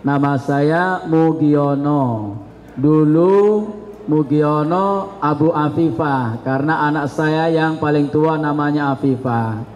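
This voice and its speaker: A man in his fifties, an Islamic studies lecturer from South Sumatra, talking to students in a slow, chatty, joking way. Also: a little high, a little mellow, highs cut off. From South Sumatra, Indonesia. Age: 50s. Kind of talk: classroom talk to students. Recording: reverberant hall with faint background noise.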